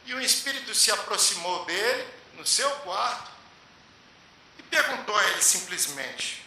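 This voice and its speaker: A man giving a spiritual lecture to a public meeting, telling a story with measured, emphatic pauses. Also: high-pitched, sing-song, vocal fry, sharp tone. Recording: echoey hall with faint hiss.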